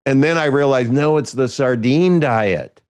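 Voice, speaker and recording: A man's voice: mid-range voice, unhurried, darkish tone, clear, resonant tone, dry recording. A man from Kansas hosting a casual podcast chat, rambling and restarting his sentences and chuckling often. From Kansas, United States. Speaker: podcast host. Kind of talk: casual conversation.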